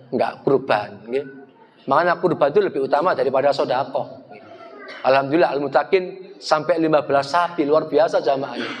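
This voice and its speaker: A male preacher with an East Javanese accent gives an animated sermon, slipping into Javanese and chanting Arabic phrases. His voice sits fairly high for a man. The sound carries the long echo of a mosque hall.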